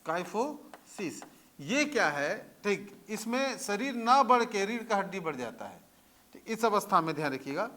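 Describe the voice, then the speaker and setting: A man with a high, light voice gives a classroom lecture. He talks in a loose, chatty way and keeps checking that the students have understood. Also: sing-song, moderate pace, pushed and bright. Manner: conversational, checking understanding with repeated questions. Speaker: teacher.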